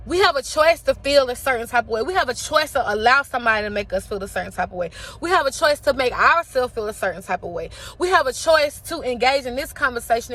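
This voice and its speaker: A woman's voice: high voice, a bit bright. A woman around forty giving an emphatic, impassioned motivational talk, repeating phrases for effect.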